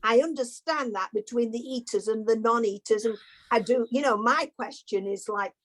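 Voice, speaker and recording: A woman's voice: a little high, moderate pace, fairly bright tone. A woman playing a fussy, gushing webinar participant in improv comedy.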